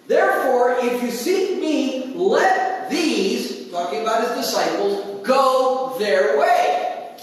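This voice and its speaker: Preacher in an echoing hall. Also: male voice, extremely high pitch. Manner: animated preaching, acts out quotes in voices. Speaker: pastor. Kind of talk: sermon. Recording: roomy hall, distant mic.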